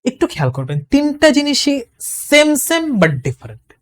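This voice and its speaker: A man teaches a casual recorded lesson for admission candidates. He explains things step by step in a chatty, colloquial way, often restarting his sentences and slowing right down to read example sentences out loud. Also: extremely high pitch, huge pitch swings. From Bangladesh. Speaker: admission test tutor.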